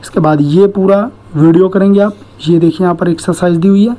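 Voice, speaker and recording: A woman's voice: lowish voice, fairly even intonation, a little fast, dark tone. A woman teaching shorthand in an online lesson, explaining each stroke step by step and often checking in with "ठीक है".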